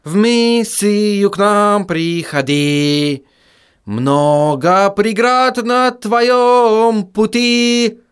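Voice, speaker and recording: A man voicing a trembling vampire who sings a slow, quavering hymn in a storybook reading. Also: high-pitched, fairly bright tone, clear, resonant tone, voice pushed up. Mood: quavering singing. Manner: quavering, slow sing-song.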